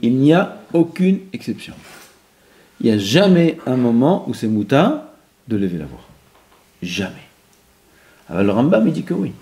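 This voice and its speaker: Guy teaching torah class, voice jumps all over, warm mellow tone, drops in words. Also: medium pitch, moderate pace, pauses often. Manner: animated, mixes Hebrew terms, acts out quoted voices. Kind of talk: lively Torah lesson.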